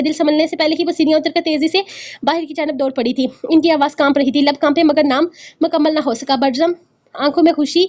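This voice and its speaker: A woman narrating a serialized family novel in a brisk reading with occasional restarts. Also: high voice. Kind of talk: storybook narration. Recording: dull lo-fi recording.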